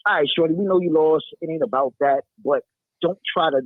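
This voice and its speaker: Husky young New man on phone. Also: fairly high pitch, dry recording. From Brooklyn, New York. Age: young adult. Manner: casual street slang, quick and insistent. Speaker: caller, college athlete. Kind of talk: phone-in call defending his comments. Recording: tinny phone line.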